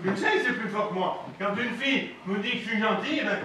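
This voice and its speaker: A man's voice: high voice, fairly quick, close to an everyday voice. A man on an amateur stage playing a naive, simple-minded younger brother with a whiny, childlike manner. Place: theatre stage. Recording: echoey hall recorded from far, noisy.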